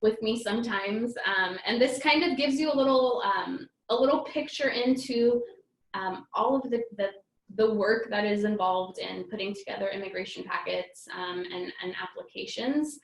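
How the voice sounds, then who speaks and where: A woman's voice: mid-range voice, normal speed, creaky, reverberant, slight background noise, poor audio. A woman immigration attorney presenting slides in a live webinar, talking hesitantly with many filler ums and restarts. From United States (born in Iraq, raised in the US from age four).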